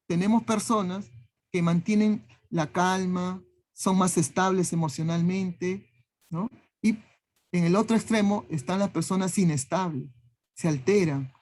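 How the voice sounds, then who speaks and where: Teacher lecturing with a "¿no?" after each phrase. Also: male voice, high voice. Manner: tags nearly every phrase with a questioning "¿no?"; lists traits one word at a time. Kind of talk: classroom lecture.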